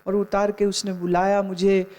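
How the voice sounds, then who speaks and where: A woman's voice: medium pitch, little pitch movement, normal speed, dark tone. A middle-aged woman spiritual teacher giving a discourse, telling stories and admonishing listeners, slipping in English phrases. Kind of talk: Gita discourse.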